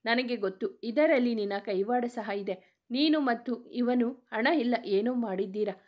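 Angry accusing older man in a spoken story, fairly high voice, as a woman narrator puts him on. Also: moderate pace, natural voice. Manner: accusing, shouting-angry questions. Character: furious older man, a father-in-law.

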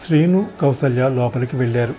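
A man reading a short story aloud in a steady narrating voice. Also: medium pitch, fairly quick. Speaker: audiobook narrator.

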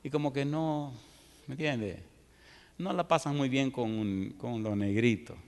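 A man's voice: medium pitch, a little slow. A man from the preaching a sermon, telling stories vividly. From Dominican Republic. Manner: lively storytelling, acting out the people in his stories. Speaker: pastor. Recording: echoey hall.

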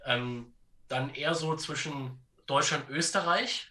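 As a podcast guest, a man talks through history and politics in a conversational, halting way, hunting for words and checking in with the listener. His voice sits a little high and sounds pushed and bright.

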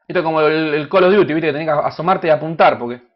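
A man with an Argentine Spanish accent giving crude, joking gameplay commentary that bursts into loud shouts. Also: a little high, dull audio. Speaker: gaming youtuber.

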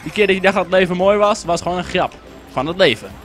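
Young dutch guy commenting on his game, high voice that jumps all over, yells and swears a lot, some game music under it. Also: animated, fast. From Netherlands. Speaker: gaming YouTuber. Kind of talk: casual gameplay commentary.

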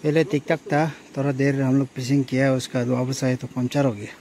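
A man with a dark, medium-pitched voice talks a little fast in a level tone, slight background noise behind him. He chats casually to camera as a vlogger by a rainy jungle river, repeating himself and often exclaiming.

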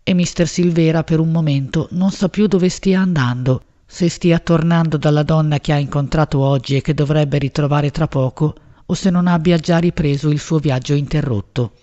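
A woman narrating a literary novel as an audiobook in a measured, expressive reading. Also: low-pitched, highs cut off.

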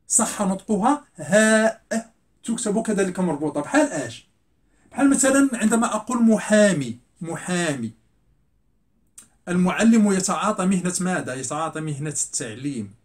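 A middle-aged man teaching a classroom grammar lesson, repeating words slowly and asking and answering his own questions. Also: sits high. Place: classroom with a blackboard.

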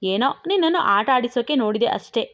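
A woman's voice: a little high, animated, fast, fairly bright tone. A woman voicing a brash, teasing young man in a romantic audio story, mocking and bantering. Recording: dull lo-fi recording.

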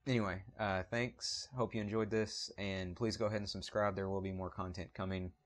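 A man's voice: low voice, fairly even intonation, fairly quick. A man with a Southern US accent hosting his photography channel, talking casually to camera in an apologetic, rambling way, recorded on a point-and-shoot camera mic.

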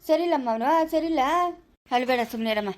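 A woman's voice: sits high, brisk, close to an everyday voice. A woman playing a kindly, motherly village laborer who soothes and consoles in rural Chikkaballapur Kannada. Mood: consoling. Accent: Kannada, Chikkaballapur rural dialect. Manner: soothing and consoling, repeats hush phrases. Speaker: poor day laborer who shelters a lost girl. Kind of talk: village family skit.

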